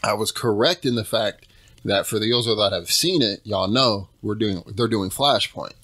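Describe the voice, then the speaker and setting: A man's voice: fairly low pitch, a little slow. A man co-hosting a casual podcast, bantering, laughing and joking at his own expense. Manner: laughing, self-deprecating, animated. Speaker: podcast co-host and editor.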